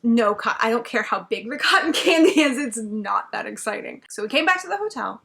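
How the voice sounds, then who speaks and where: A young woman in a casual travel vlog, chatty and excitable, packing her talk with "like" fillers as she recaps her day from a hotel room. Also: on the high side, brisk, creaky. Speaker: travel vlogger.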